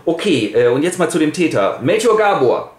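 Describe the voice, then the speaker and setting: A man's voice: on the high side, big pitch swings, normal speed, pitched above the performer's own voice. A man voicing a pompous older male school director who blusters indignantly. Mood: blustering. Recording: roomy echo.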